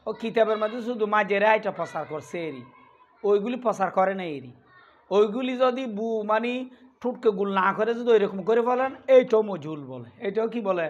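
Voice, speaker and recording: A man's voice: high-pitched, animated, a little fast. A male Quran recitation teacher leading a class lesson, repeating drills and asking questions he answers himself. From Bangladesh. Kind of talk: classroom lesson with call and response. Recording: dull lo-fi sound with faint noise.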